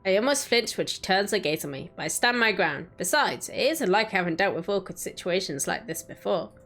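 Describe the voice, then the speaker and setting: A woman's voice: mid-range voice, lively intonation, a little fast. A woman streamer reading a story aloud in a dramatic narrating style. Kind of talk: dramatic story narration with casual chat asides. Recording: background music under the voice. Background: quiet music.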